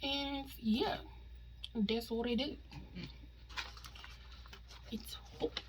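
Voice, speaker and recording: A woman hosting a casual mukbang, chatting informally and slangily to viewers as she eats, often slipping into soft, hushed asides. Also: on the high side, very slow, slight background noise, rough recording. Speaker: mukbang host eating on camera. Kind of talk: casual mukbang chat to viewers while eating.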